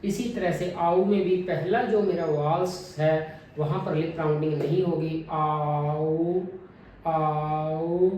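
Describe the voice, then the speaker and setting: A man teaching a phonetics lesson, deliberately modelling each vowel sound over and over. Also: on the high side, mellow, a little hiss or hum. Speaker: English pronunciation teacher. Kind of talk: phonetics lesson with drilled repetitions. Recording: very echoey room, mic at a distance.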